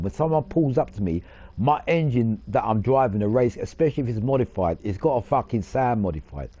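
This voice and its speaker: A man with a dark, mellow voice talks casually over his racing gameplay. He rambles, restarts his sentences and drops the odd swear word. His tone is boastful, and his pitch sits at an ordinary middle. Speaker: gaming channel host. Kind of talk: casual gaming commentary.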